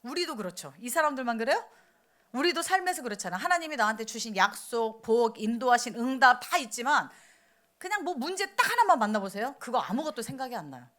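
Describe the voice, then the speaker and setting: A woman's voice: fairly high pitch, sing-song, fast, a bit bright. A woman missionary preaching a sermon in church, talking conversationally, asking the congregation questions and acting out quoted outbursts. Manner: acts out quoted outbursts in raised voice.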